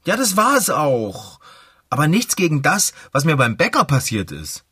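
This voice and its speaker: A man's voice: on the high side, huge pitch swings, moderate pace, sharp tone, husky, no room sound, studio quality, full character voice. A man playing a clumsy, well-meaning bicycle mechanic in a children's radio play, in plain, everyday speech. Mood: dejected.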